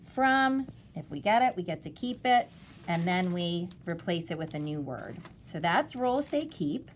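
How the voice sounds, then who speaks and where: A woman's voice: on the low side, lively intonation, measured pace. Woman teacher explaining over background noise. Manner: simple step-by-step explaining, sounding out words. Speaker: kindergarten teacher. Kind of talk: instructional walkthrough for parents.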